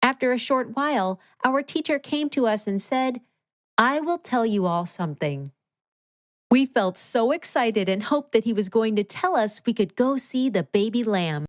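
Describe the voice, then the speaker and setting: A woman narrating a scripted children's story in an expressive read-aloud manner. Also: on the high side, moderate pace, hardly any pauses, no room sound, studio quality.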